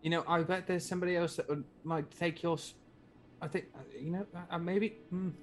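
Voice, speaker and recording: A man's voice: fairly high pitch, fairly even intonation, a little fast, slight background noise. A man chatting casually and jokingly as a player in a tabletop role-playing game.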